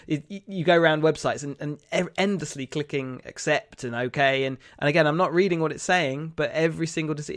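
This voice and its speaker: A man's voice: fairly high pitch, no echo, studio quality. Nasal, congested man hosting a podcast. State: bunged up with a cold. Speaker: podcast host. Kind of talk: casual news discussion podcast.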